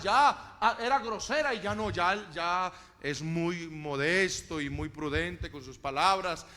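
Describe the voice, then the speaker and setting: High-voiced man preaching in a hall. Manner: storytelling preacher, acts out dialogue, builds to loud passages. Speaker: pastor. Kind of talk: sermon. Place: church.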